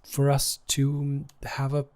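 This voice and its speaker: A man's voice: mid-range voice, monotone, slow, a little mellow, natural voice. A man performing a romantic audio role-play as an anxious, shy new boy at school who stammers and restarts his sentences nervously.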